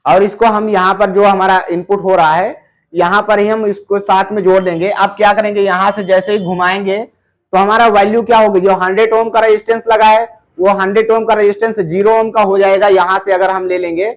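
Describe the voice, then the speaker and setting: A man teaching amplifier repair step by step, often pausing on "theek hai" and addressing viewers as friends. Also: sits high, flat delivery. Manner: explains slowly, filling gaps with "theek hai" and "doston". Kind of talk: step-by-step technical tutorial.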